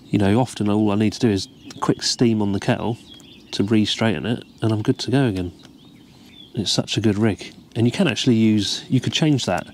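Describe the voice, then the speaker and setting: Talking a little fast, a relaxed, low-voiced man demonstrates a carp fishing rig, explaining every step as he ties it. The casual tutorial is recorded outdoors by the water, where he sits over a tackle box, with slight background noise.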